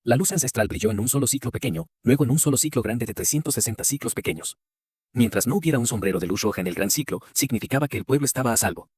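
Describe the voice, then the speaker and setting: A man giving a scripted first-person story narration with a brisk, even storytelling read. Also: mid-range voice, breathy edge, no room sound.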